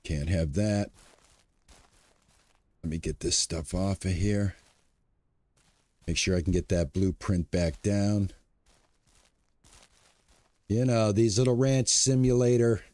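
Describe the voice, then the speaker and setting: While streaming a farming game, a man in his sixties chats casually and brightly with his audience. His lowish, slightly mellow voice moves at a slow pace with frequent pauses, and the recording is dry.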